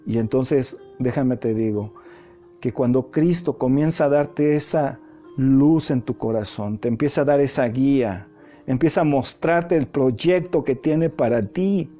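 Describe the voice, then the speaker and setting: A man's voice: medium pitch, measured pace, warm tone. A man preaching a testimony sermon, earnest and speaking straight to the listener. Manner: earnest, direct address to listener. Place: home, livestream. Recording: muffled livestream audio with faint music.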